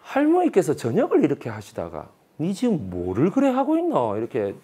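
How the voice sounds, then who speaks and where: A male history lecturer with a Busan Gyeongsang accent tells his story in a lively, theatrical way. His voice sits a little high and swings widely in pitch as he acts out the people he quotes. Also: a little fast, husky.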